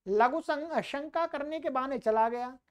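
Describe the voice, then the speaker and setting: A woman teaching Sanskrit grammar in a classroom lecture. She explains in Hindi, slows down to recite Sanskrit rules and often checks in with "ठीक है". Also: sits high.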